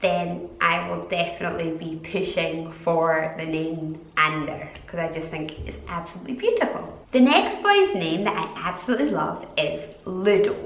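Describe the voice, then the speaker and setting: A young woman with a Scottish accent, a mother of two, chatting casually to camera in a giggly way and stretching out the words she stresses. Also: fairly low pitch. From Scotland. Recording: echoey room.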